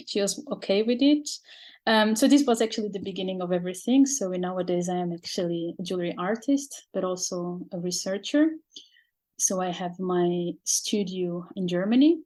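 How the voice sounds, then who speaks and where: Woman, from Portugal, non-native English speaker, interview guest, hesitant, halting, filler-heavy. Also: medium pitch, darkish tone. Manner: hesitant, many fillers and restarts, laughs often. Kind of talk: interview conversation.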